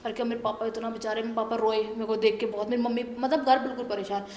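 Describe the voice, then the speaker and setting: A young woman telling a personal story as a guest in a casual interview, animated and laughing as she goes. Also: on the high side, quick pace. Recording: echoey room with faint background noise.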